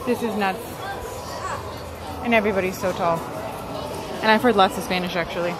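A woman vlogging casually on a handheld phone, chatty and excitable, with self-deprecating asides. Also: mid-range voice, normal speed. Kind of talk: casual vlog narration. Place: busy stores, mall and church halls. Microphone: handheld phone camera. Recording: loud crowd and background noise. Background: crowd chatter and store noise.

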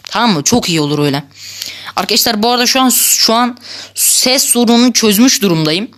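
A woman hosting a gaming channel, giving chatty, excitable gameplay commentary, laughing often and talking straight to her viewers. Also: on the high side, quick pace.

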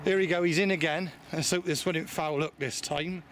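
Angler behind the camera, teasing banter, lakeside noise. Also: male voice, on the high side, steady tone, a little fast. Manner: joking, teasing, swears freely. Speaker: angler filming his friend. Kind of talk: casual banter while filming. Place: lakeside outdoors. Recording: outdoor ambience and water noise.

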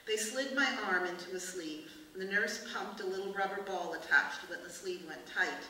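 A woman author reading aloud from her novel at a book festival, in measured, expressive narration. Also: medium pitch. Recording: echoey room from far off, hiss.

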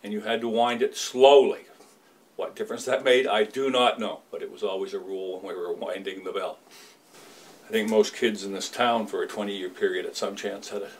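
A Canadian man in his fifties, a lighthouse keeper's son, calmly explaining and reminiscing in a small indoor room. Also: on the low side, a little hiss or hum. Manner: measured, explanatory. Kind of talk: casual demonstration and reminiscence.

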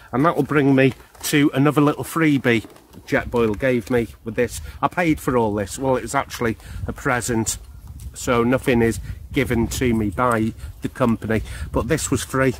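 Slow-talking man in woods. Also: mid-range voice, slight background noise. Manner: chatty, explanatory, unhurried. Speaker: outdoor gear vlogger. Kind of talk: casual product demonstration. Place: woodland outdoors beside a hammock. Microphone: handheld camera close up.

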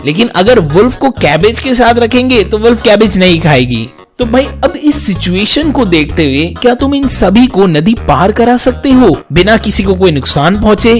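A man's voice: high voice, sing-song, normal speed, few pauses, faint music behind. Chatty man hosting a riddle quiz. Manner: chatty, coaxing, calls viewers brother and friend. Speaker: YouTube quiz host. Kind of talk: casual riddle-quiz narration to viewers.

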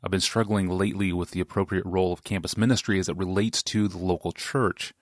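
A man's voice: low-pitched, steady tone, quick pace, no echo, clean studio sound. A man, the podcast host, steadily reads out a listener's question. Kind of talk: scripted read.

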